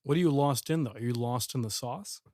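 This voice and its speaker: A man co-hosting a comedy podcast, speaking in a middle-pitched voice. He drops wry, deadpan quips into the chat, and the sound is dry and close. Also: fairly quick, no room sound. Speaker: podcast co-host.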